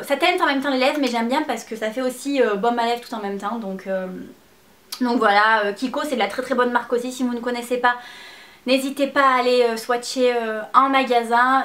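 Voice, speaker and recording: A woman's voice: fairly high pitch, fairly bright tone. A young woman chatting casually through a beauty haul, hesitant, full of fillers and repeated words. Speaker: beauty vlogger. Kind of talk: casual product haul chat.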